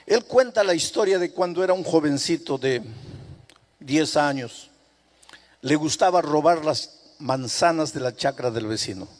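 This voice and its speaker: A man's voice: fairly high pitch, expressive, unhurried. Dramatic older male preacher in a big hall. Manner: dramatic, swings between hushed and emphatic. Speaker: pastor. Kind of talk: sermon storytelling.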